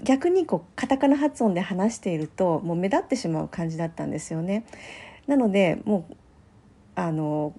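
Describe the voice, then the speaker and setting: A middle-aged woman talking alone on her podcast in a gentle, chatty way, with many small fillers. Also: medium pitch. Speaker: podcast host. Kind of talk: solo podcast talk.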